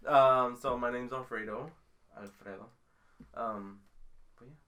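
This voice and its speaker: A man's voice: mid-range voice, steady tone, a little slow, fairly bright tone. A man in his twenties hosting a casual podcast chat, rambling with many fillers and frequent laughs while drinking. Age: 20s. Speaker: podcast host.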